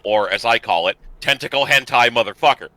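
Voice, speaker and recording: A man's voice: medium pitch, a little fast, sharp tone, no echo, poor audio. A man in casual gaming chat on a livestream panel, wry and freely profane.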